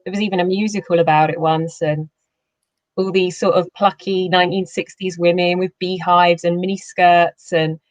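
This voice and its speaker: A woman's voice: lowish voice, level tone, moderate pace, no echo. A woman author talking earnestly about her short story and then reading its opening. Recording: muffled lo-fi sound.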